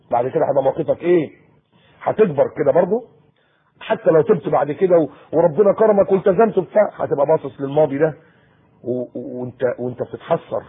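A man preaching to teenagers in Egyptian Arabic, in a colloquial, animated sermon with acted-out asides. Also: fairly high pitch, husky. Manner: animated, acts out a teen and mother in quoted asides. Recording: tinny lo-fi phone-like tape.

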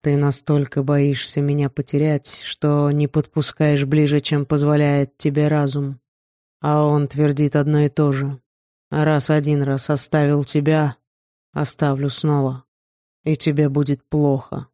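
A woman voicing a young male snow prince, a tender, protective husband, speaking softly and reassuringly. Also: completely flat delivery, a little slow, dry recording, studio quality. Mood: earnest. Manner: soft, low-key, reassuring delivery. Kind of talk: audiobook character voice.

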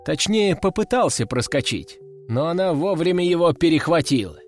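A man's voice: on the high side, expressive, moderate pace, soft background music. A man narrating an audiobook in a wry, matter-of-fact way.

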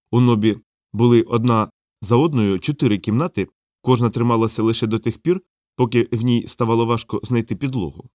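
A man narrates an audiobook in a steady, measured voice at a middle pitch. The recording is close and dry, with no room sound. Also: no echo. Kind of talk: scripted narration.

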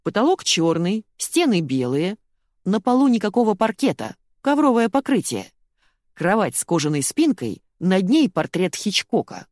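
A woman voicing a dry-witted male lawyer who jokes in a deadpan, teasing way in an audiobook. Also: medium pitch, normal speed, dry recording, natural voice. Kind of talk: audiobook character voice.

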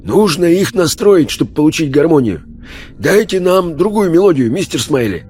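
A man's voice: on the high side, sing-song, normal speed, dark tone, a little hiss or hum, voice pushed up. A man voicing a genial middle-aged séance leader who coaxes his circle along. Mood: coaxing. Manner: coaxing, chummy. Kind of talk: audiobook character voice.

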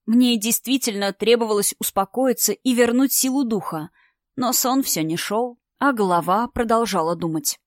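A woman narrating an audiobook in the first person, steady and expressive. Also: on the high side, moderate pace, no echo, studio quality.

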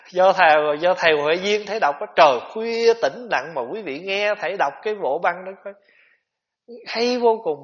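A man giving a gentle, conversational Buddhist dharma talk, with rhetorical questions for his listeners. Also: high voice. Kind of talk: sermon. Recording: dull lo-fi tape recording.

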